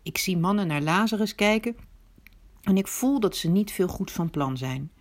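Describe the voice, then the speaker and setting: A woman telling a dramatic first-person story, swinging between hushed asides and indignant outbursts. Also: mid-range voice, lively intonation, normal speed.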